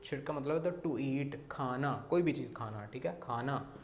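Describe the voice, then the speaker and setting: Pakistani man teaching Mandarin in an echoey room. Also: medium pitch. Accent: Pakistani Urdu. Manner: repeats sounds slowly, many "theek hai" checks. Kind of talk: language lesson explaining words.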